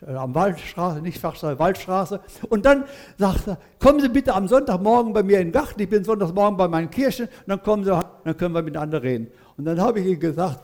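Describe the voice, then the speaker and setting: An older lay preacher with a fairly high voice gives a sermon in a church hall. He rambles in a folksy way, weaving in his own story, often stopping to correct himself and checking in with his listeners. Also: darkish tone. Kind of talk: church sermon with personal testimony.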